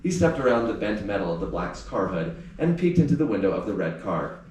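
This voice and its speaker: With a low, sing-song, slightly mellow voice and a somewhat fast delivery, a male author who teaches reads his story aloud and chats informally at a live book event. He's indoors with a small live audience. The recording has heavy room echo, a distant mic and faint noise.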